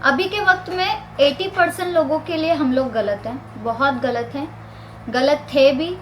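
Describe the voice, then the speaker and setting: A high-voiced woman speaks earnestly to her audience in a home vlog. She presses each point insistently. A faint hum of ambient noise runs underneath. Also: a little slow, fairly bright tone, poor audio. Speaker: vlogger. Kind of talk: casual talk to camera.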